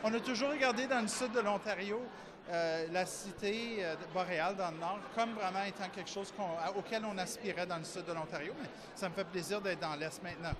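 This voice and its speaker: A man's voice: high voice, fairly quick. A man from southern Ontario, a foundation director speaking upbeat while searching for words. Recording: gala crowd outdoors.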